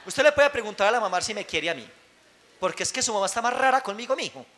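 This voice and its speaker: A man voicing a meek father who pleads softly and plaintively. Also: lively intonation, fast. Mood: pleading. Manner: soft, low and plaintive.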